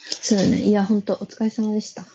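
A woman's voice: mid-range voice, flat delivery, quick pace, background noise. A young woman with a co-hosting a casual chat, listening closely and answering with short responses. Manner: attentive listener, frequent short backchannels. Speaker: podcast co-host. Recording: slightly dull lo-fi recording.

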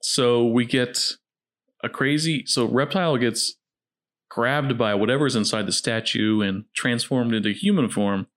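A man's voice: mid-range voice, a little slow, a bit bright. Jokey man hosting casual film commentary. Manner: jokey, conversational. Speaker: podcast host.

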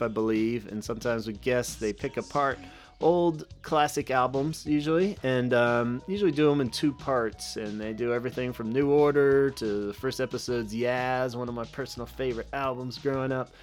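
Man, podcast host, casual rambling talk, mid pitch, faint music underneath. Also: steady tone, normal speed. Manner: loose and rambling, many fillers.

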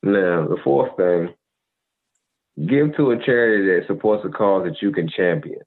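Deep-voiced man lecturing over a tinny line. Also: expressive, normal speed. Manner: preachy, repeats "you feel me". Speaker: podcast co-host. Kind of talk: casual advice monologue. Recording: tinny phone-like audio.

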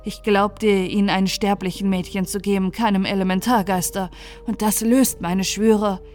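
A woman playing a cold, aloof young nobleman in a fairy tale audiobook, speaking in a measured way. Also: mid-range voice, steady tone, darkish tone, soft background music, natural voice.

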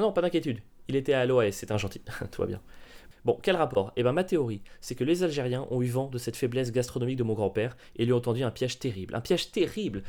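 Thirtysomething guy hosting a comedy podcast, deadpan absurd monologue, mid-range voice. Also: medium pitch. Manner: deadpan absurd storytelling with provocative asides. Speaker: podcast host.

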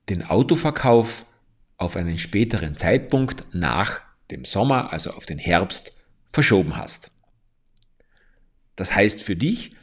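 Guy coaching you through big decisions, husky voice, pitch moves around a lot, talks straight to you. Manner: addresses the listener directly, calm and explanatory. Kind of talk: motivational coaching monologue.

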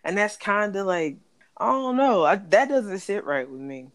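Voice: mid-range voice, very animated, moderate pace. A speaker in casual podcast chat who restarts often and swears while working out an opinion.

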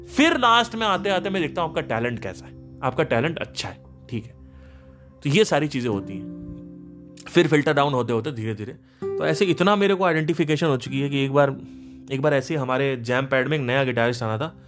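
A man's voice: mid-range voice, lively intonation, a little fast, over music. A man hosting a podcast, telling anecdotes from running his band in an emphatic, casual way and acting out the people in them. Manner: emphatic, anecdotal, quotes people in their own voices. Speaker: podcast host and band leader. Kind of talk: casual storytelling monologue.

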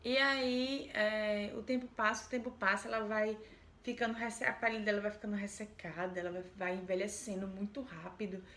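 A woman's voice: medium pitch, steady tone, moderate pace, fairly bright tone, reverberant, a little hiss or hum. A woman retelling a folk tale in a chatty, repetitive way. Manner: chatty, repetitive, with many fillers. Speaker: storyteller.

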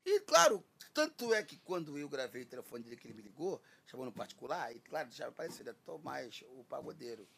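A man's voice: medium pitch, fast, gravelly, few pauses, slightly rough. A man chatting casually on a podcast, telling stories and acting out the dialogue. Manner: animated storyteller, acts out quoted dialogue.

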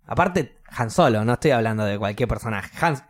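A young man with a Rioplatense Spanish accent, telling a story in casual chat, swearing and loudly acting out quotes. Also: lowish voice, quick pace.

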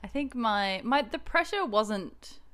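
A woman's voice: on the high side, lively intonation, slow, fairly bright tone, clear, resonant tone. Chatty woman in her late twenties. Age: 20s. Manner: chatty, laughs often. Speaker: podcast host. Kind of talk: casual chat.

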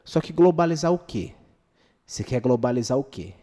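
This podcast talk comes from a man with a Brazilian accent whose mid-range voice is expressive and dark in tone, moving at normal speed. Casual and opinionated, he leans on slang and rhetorical check-in questions. His voice echoes in a reverberant, hall-like room.

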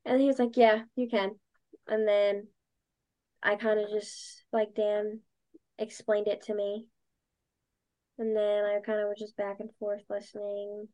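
A woman's voice: medium pitch, level tone, measured pace, long pauses, dark tone. A young woman as an interview guest, chatting casually and acting out past conversations with lots of "like". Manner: chatty, acts out past conversations, many likes. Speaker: guest, dancer and podcaster.

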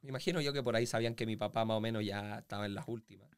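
Gravelly Chilean man telling stories. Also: on the low side, very fast, dry recording. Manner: animated storyteller with sound effects and acted-out quotes. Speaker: guest, professional footballer. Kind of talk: casual interview storytelling.

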